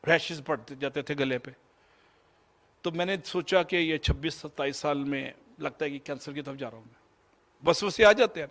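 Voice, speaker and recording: A man in his fifties from Pakistan with a Pakistani Urdu accent, telling a personal story in a motivational lecture and slipping English phrases into his Urdu. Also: on the high side. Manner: mixes English phrases into Urdu, shifts between loud and soft. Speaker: motivational speaker.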